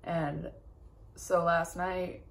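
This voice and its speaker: A woman's voice: on the low side, level tone, drawn-out words, gravelly. A young woman from Texas talking candidly through grief in a tearful, shaky voice, swearing often as she rambles. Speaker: vlogger. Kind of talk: personal confessional talk.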